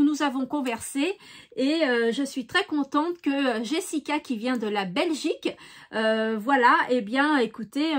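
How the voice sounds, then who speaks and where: A woman with a regional French accent chatting casually to her viewers about her craft finds, full of fillers and cheerful enthusiasm. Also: sits high. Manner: chatty, many fillers and "voilà". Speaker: craft vlogger.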